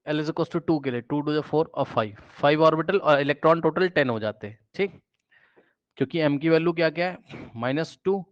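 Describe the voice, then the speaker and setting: A man's voice: fairly high pitch, no echo, muffled recording. A male chemistry teacher giving an exam-prep lecture, repeating his questions to students and working through each step.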